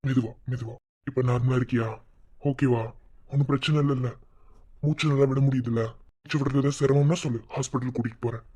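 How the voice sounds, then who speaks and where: A man's voice: medium pitch, fairly even intonation, brisk, warm tone, breathy edge, natural voice. A man voicing a young son-in-law in a cartoon, soothing and reassuring but firm when he has to be. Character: young son-in-law, calm and protective, stern when needed. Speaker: son-in-law comforting the family.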